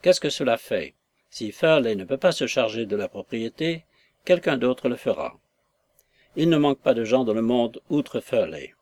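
A man voicing an ill, confused older father who is quick to anger, speaking in short, abrupt bursts in an audiobook reading. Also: mid-range voice, expressive, a little mellow, dry recording, natural voice. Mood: agitated.

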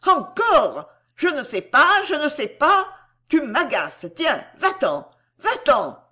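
A reader voicing a capricious, hot-tempered young woman who shouts in a shrill, furious voice. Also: sing-song, slow, heavily acted.

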